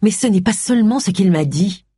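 Personnage de livre audio : un lecteur jouant une femme de cinquante ans tendue, intonation très mobile. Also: female voice, medium pitch, expressive, a little fast, dark tone, breathy edge, no room sound, clean studio sound, voice pushed up. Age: 50s. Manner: tense, emotional outbursts. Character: femme détective cinquantenaire, nerveuse et vive. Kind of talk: audiobook character voice.

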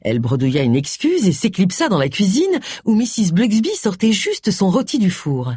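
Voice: mid-range voice, wildly swooping pitch, moderate pace, dark tone, breathy edge, no echo, clean studio sound. A reader narrating a story expressively, giving each character a voice. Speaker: audiobook reader. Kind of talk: scripted narration.

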